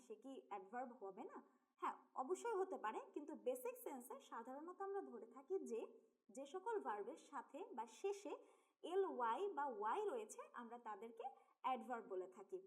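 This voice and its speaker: A woman's voice: sits high, very animated, normal speed. A young woman with a Bangladeshi Bengali accent teaching English grammar in an online lesson. She explains step by step, mixes English terms into her Bengali and talks straight to her students.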